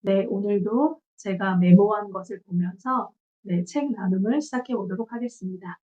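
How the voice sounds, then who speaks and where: A woman in her forties giving a measured, reflective book review from her notes, pausing often on filler sounds. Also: mid-range voice, warm tone, breathy edge. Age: 40s. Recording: dull lo-fi recording.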